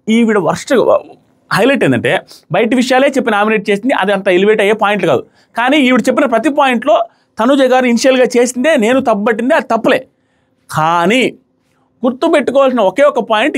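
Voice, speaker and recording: A man with a high voice talks fast as he gives an opinionated episode review. He drives home his points by repeating them emphatically. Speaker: reality show reviewer.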